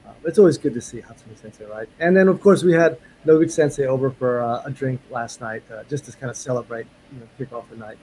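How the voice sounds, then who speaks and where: A man's voice: medium pitch, quick pace, few pauses, a little mellow, rough recording. A man giving a casual, chatty interview as a guest, often repeating words for emphasis. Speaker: interview guest, martial arts instructor. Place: remote call from Japan. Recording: clear ambient background noise.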